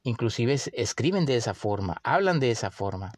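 A man with a Mexican accent hosting a podcast, musing in a relaxed way with many pauses and fillers. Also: mid-range voice, no room sound. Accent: Mexican Spanish. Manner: unhurried, with frequent fillers and restarts. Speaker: podcast host. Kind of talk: casual reflective monologue.

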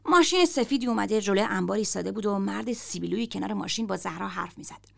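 A woman narrating a story aloud in the first person, steady and even. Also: mid-range voice, vocal fry. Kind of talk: audiobook narration.

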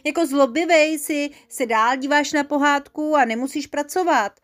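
A woman voicing an excitable little male creature in a children's storybook. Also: sits high, voice pushed up, close to an everyday voice. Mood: excited.

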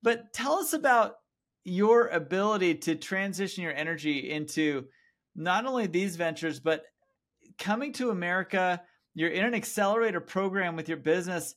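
Bright, high-voiced enthusiastic podcast host. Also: male voice, animated, normal speed. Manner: enthusiastic, affirming. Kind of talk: casual interview.

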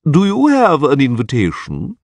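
A pompous portly chamberlain, as a narrator puts him on, haughty and emphatic, pitched a little above the reader's own voice. The sound is husky and dry, close to the mic. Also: male voice, huge pitch swings, normal speed, no echo, heavily acted. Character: pompous portly middle-aged male chamberlain.

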